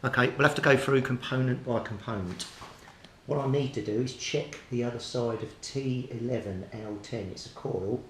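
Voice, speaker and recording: A man with a slightly bright voice, speaking at a moderate pace, gives an unscripted, methodical rundown of his radio repair as a hobbyist, thinking aloud while working. Echo from the room and a clear rumble are audible throughout.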